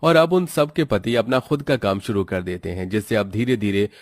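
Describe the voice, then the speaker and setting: A man narrates a cartoon moral story, walking the listener steadily through each event. His voice sits on the low side, and his delivery is calm and even. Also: moderate pace, no room sound, clean studio sound.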